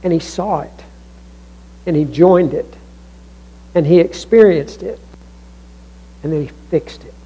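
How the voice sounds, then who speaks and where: A man preaching a sermon as a pastor in a church, talking in a conversational way with restarts and asides, swinging from raised emphasis down to near-hushed lows. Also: unhurried, pauses often, slightly rough, rough recording.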